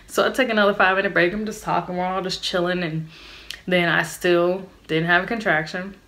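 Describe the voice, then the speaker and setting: A young woman tells a personal story in a frank, chatty way, turning to her viewers now and then. Her voice sits on the lower side for a woman, but it comes across bright and forceful. She speaks openly and never holds back. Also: fairly even intonation, fairly quick. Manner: candid, chatty, addresses viewers directly. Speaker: vlogger. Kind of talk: storytime vlog.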